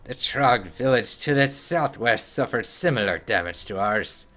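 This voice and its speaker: A man's voice: medium pitch, animated, measured pace, bright, forceful tone. A man voicing an eager middle-aged male archaeologist in a fantasy game, marveling and lecturing. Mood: fascinated.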